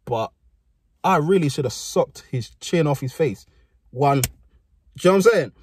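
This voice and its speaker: A man's voice: a little high, animated, moderate pace, darkish tone, husky, no echo, studio quality. A young man, telling a story in a casual, slangy way and acting out the people he quotes. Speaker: storyteller host.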